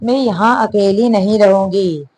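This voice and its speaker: A woman's voice: mid-range voice, a little slow, a little mellow, lightly acted, low-quality recording. A woman reading the lines of a frightened, stubborn young bride who pleads innocently. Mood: pleading.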